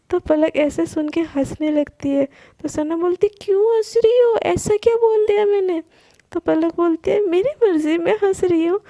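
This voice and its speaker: A woman's voice: high voice, warm tone, no room sound. A young woman telling a story in a casual, chatty way, voicing both girls' lines herself. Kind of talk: casual storytelling narration with acted dialogue.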